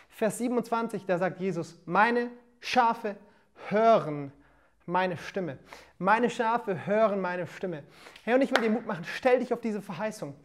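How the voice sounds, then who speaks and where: Energetic woman preaching to online viewers. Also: medium pitch. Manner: energetic, addressing listeners directly with "hey" and "come on". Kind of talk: livestreamed church sermon.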